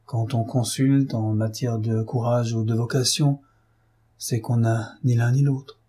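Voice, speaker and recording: A man reading the lines of a gentle, troubled young woman in a storybook, voicing her softly and a little higher. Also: little pitch movement, unhurried, slightly rough. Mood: troubled, earnest.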